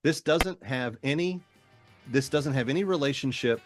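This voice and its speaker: A man's voice: mid-range voice, moderate pace, music in the background. A middle-aged American man hosting a talk show, speaking in emphatic monologue and repeating phrases in short punchy statements. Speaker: radio talk show host. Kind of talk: political monologue and promotional appeals.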